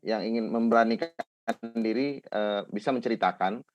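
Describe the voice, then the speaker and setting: Low-voiced man moderating a webinar. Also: moderate pace, soft background music. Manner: upbeat, brief praise. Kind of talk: hosting a webinar. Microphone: video call. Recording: dry, dull video call audio.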